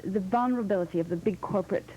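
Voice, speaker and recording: A woman's voice: medium pitch, rapid-fire, mellow, slight background noise, natural voice, poor audio. A woman playing a self-important mural artist who answers in short, grand statements.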